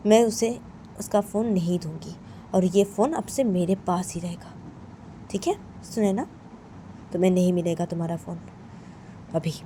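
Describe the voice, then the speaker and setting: A woman voicing an angry, strict mother who loudly repeats her threats. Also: medium pitch, slight background noise, natural voice. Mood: stern. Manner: loud, repetitive threats.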